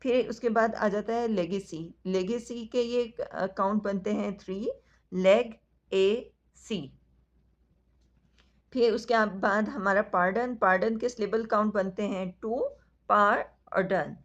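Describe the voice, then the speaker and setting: A woman teacher with a Pakistani accent, patiently explaining a lesson to children, talking slowly and addressing them directly. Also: mid-range voice, fairly even intonation. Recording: dull lo-fi recording.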